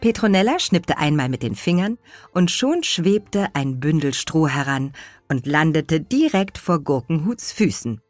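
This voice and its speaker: A woman reading a children's audiobook as narrator, lively storytelling. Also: low-pitched, a little slow, no echo, soft background music. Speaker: audiobook reader.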